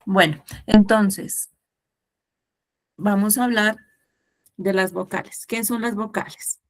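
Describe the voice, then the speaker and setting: A woman's voice: mid-range voice, fairly even intonation, slow pace. A woman teaching a virtual language class over a video call. She explains patiently, wrapping her lesson in a storybook tale with lots of examples. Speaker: Spanish teacher.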